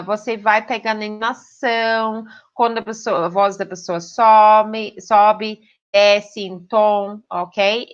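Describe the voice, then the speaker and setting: Giving an online pronunciation lesson, this native English-speaking teacher from Britain has a medium-pitched, slightly bright voice with an English accent. She keeps a clear teaching tone and often asks her students "ok?", though the audio is dull.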